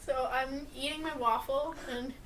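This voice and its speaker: A young woman co-hosts a casual chat podcast, recounting family mishaps with animated energy and frequent laughter. Her voice sits high and bright. The mic catches her from a little distance, with a faint hiss behind. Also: unhurried. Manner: animated storyteller, laughs often. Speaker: podcast co-host.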